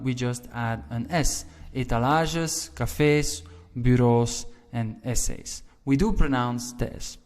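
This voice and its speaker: A man's voice: medium pitch, darkish tone, in a large hall. A man teaching a language lesson, explaining grammar rules patiently, repeating each example and checking in with "right?".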